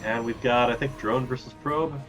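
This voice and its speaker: A man casting a live strategy game, easygoing and quick to laugh, at times stretching out names in an announcer voice. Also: medium pitch, fairly even intonation, faint music behind. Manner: easygoing, laughs often, slips into a drawn-out announcer voice. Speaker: esports caster.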